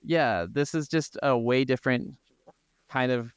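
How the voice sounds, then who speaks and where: An American man co-hosts a podcast, rambling informally about games in a casual chat. His medium-pitched voice is steady, clear, and resonant at a measured pace, recorded with clean studio sound and no room sound.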